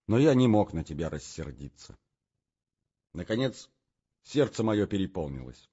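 Man narrator, low husky voice, lively melodic delivery, dull recording. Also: moderate pace. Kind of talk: literary audiobook reading.

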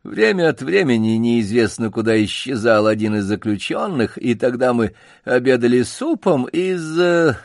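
A man voicing a pompous old male circus poodle who lectures slowly with showy pauses. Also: medium pitch, lively intonation, no echo, studio quality, natural voice. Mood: lofty, lecturing.

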